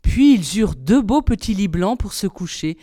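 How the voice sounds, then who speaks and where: A woman reading a fairy tale aloud in a measured, expressive storybook style. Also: mid-range voice, no room sound, clean studio sound. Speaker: reader.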